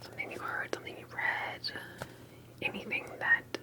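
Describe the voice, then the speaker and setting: An ASMR performer plays an interviewer, whispering in a hushed, breathy way and asking questions in a deliberate, halting manner. The character is an earnest, cautious alien abduction researcher and survivor.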